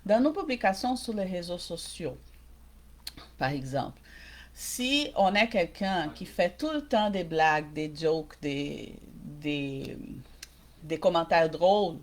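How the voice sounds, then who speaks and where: A woman's voice: on the low side, expressive, takes it slowly. Female coach with a mixed Québécois-Brazilian accent, live-stream workshop host, direct with viewers and checking in often. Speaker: small-business coach.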